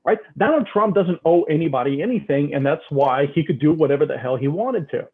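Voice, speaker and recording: Guy cohosting a political podcast, kinda high voice, says "right?" a lot, sounds like he's on a phone line. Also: brisk. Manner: animated, keeps tagging "right?", repeats words when worked up. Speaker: podcast co-host. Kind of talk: casual political chat.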